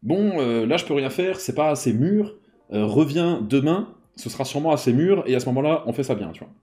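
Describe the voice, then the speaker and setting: A man's voice: mid-range voice, lively intonation, fairly quick, dark tone, faint music behind, close to an everyday voice. A man quoting a young female doctor under thirty who speaks in curt, clipped phrases.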